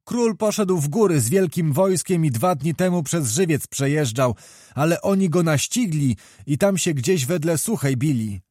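A man's voice: on the high side, animated, normal speed, darkish tone, dry recording, clean studio sound, voice pushed up. A man voicing a frantic fleeing peasant. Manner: urgent, pleading, raised voice. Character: frightened peasant man fleeing a burning town.

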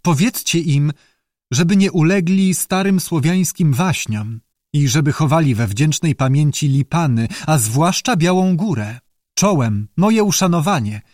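A polite, bookish newt speaks in a lifted, eager voice, as a male reader puts him on. His manner is formal and earnestly courteous, with lively swings in pitch. The sound is dry and close. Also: a little slow, no room sound. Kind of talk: audiobook character voice.

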